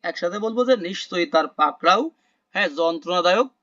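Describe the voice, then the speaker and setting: Male teacher on a video call, high pitch, patient and repetitive, muffled dry audio. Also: pushed and bright, dry recording. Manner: explains slowly, repeating words and asking the class questions. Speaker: Quran vocabulary teacher. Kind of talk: online class teaching word meanings.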